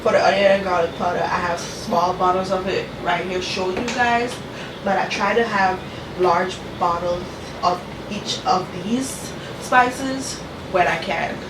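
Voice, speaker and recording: Speaking nasally through a cold, a cooking channel host talks her viewers through a casual vlog, checking in with "you guys" and "okay." Her voice is fairly low and unhurried, and the distant recording in her home kitchen carries echo and a clear hum of room noise.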